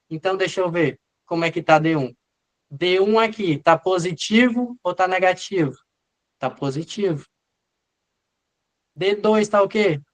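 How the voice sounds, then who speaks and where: A medical lecturer teaches a live online class informally, answering students by name and acting out what the leads are saying. His voice sits high.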